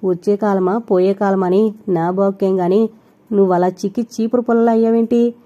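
A woman's voice: medium pitch, fairly even intonation, moderate pace, mellow, lo-fi sound, close to an everyday voice. A woman voicing a fussing mother over sixty who scolds and heaps curses, in an audio novel. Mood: scolding.

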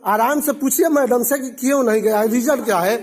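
A woman filming on her phone repeatedly urges people to ask calmly and talk things through. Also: fairly high pitch, brisk. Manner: repetitive, coaxing, insists on calm talk. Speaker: person filming the protest. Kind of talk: urging during a confrontation. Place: crowded indoor office.

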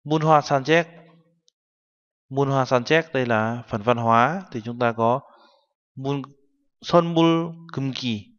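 A Korean language teacher with a mid-range, clean-toned voice gives a classroom-style lesson at a moderate pace with long pauses. He patiently walks through each term, translating word by word, though the recording sounds dull with a long reverb trailing behind him.

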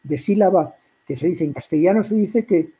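Catalan-accented man lecturing on poetry, husky. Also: high-pitched, mellow, poor audio. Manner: halting, many restarts and throat clearing. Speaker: workshop speaker on poetry. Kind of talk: informal lecture to a writers' group.

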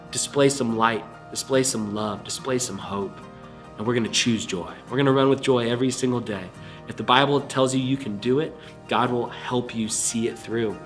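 A young adult pastor leads a livestream sermon and altar call from a small indoor room before a screen. His mid-range voice is a bit bright, and he comes across as earnest, fervent, and a little congested.

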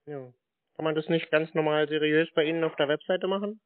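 A man with a high-ish voice and fairly even intonation talks a little fast as a scam-baiting prank callee, casually posing as a clueless customer and asking questions on the phone. The call audio is muffled and narrow-band.

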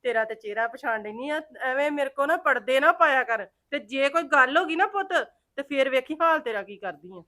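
A woman's voice: sits high, expressive, pushed and bright, no room sound, clean studio sound. A woman playing a nagging village mother. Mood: scolding. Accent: Punjabi. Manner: nagging, fast and insistent. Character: scolding village mother, middle-aged, quick-tongued. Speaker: mother of grown son. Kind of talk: village drama acting.

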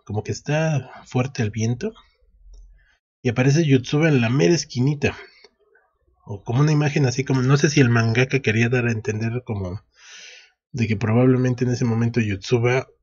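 A man's voice: mid-range voice, moderate pace, pauses often, darkish tone, slightly rough, muffled recording. A man recapping a manga chapter in a casual way, reading the lines aloud with frequent restarts. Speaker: anime recap host. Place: at home.

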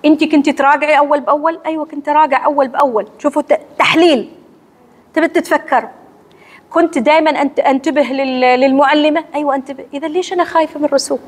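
A woman with an Omani accent giving a religious lecture to women in a mosque hall, asking and answering her own questions in a lively teacherly way. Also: sits high, racing. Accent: Omani Arabic. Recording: long hall reverb.

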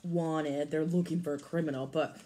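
Reading expressively to young children like a teacher, this woman in her thirties has a low, mellow voice, a steady tone and a normal speed, tossing in casual explanations as she goes. The home recording, made indoors in a small room, carries clear background noise.

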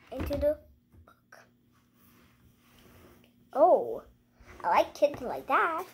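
Indoors in a living room at home, a high-voiced child reads a picture book aloud, slowly and haltingly. Like a young host, the child is playful, adding exclamations and little asides to viewers.

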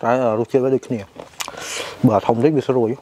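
Guy chatting w his mouth full of papaya, chewing between words, lots of loud noise behind. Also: medium pitch, steady tone, a little fast. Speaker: mukbang vlogger. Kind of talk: casual eating vlog chat.

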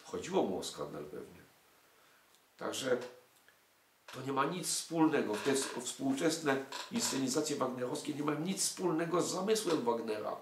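A man's voice: mid-range voice, sing-song, normal speed, slight background noise. An older man giving an emphatic lecture to an audience, full of rhetorical questions and indignant asides. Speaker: lecturer on music and culture. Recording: echoey room.

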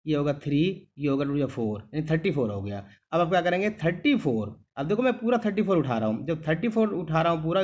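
A middle-aged man teaches maths in a patient, repeating way, checking often that his students follow. His voice sits a little high and swings widely in pitch, rising and falling from phrase to phrase. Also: a little mellow. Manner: calls the students "beta", keeps asking "clear?"; patient, repeats each step. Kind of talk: classroom lesson.

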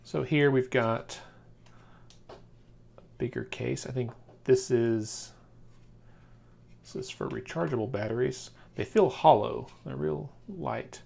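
Handling clicks and clear background noise accompany an American product reviewer, aged around thirties to forties, giving an informal unboxing commentary while thinking aloud. He takes it slowly, with long pauses, in a medium-pitched, darkish voice.

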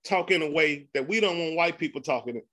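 A man's voice: on the high side, fairly quick, bright, forceful tone. A man hosting a podcast, talking loosely and laughing often, with 'man' tacked onto his sentences. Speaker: podcast host. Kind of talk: casual conversation.

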